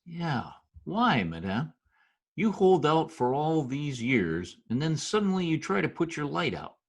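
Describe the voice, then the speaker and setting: In a 1940s-style radio drama captured on a video call, a man does a full character voice as a wry, skeptical Broadway wise guy who wisecracks in stiffly formal slang. He sounds surprised and probing, delivering present-tense slangy narration and dialogue at a measured pace. His voice is a little high, with big pitch swings.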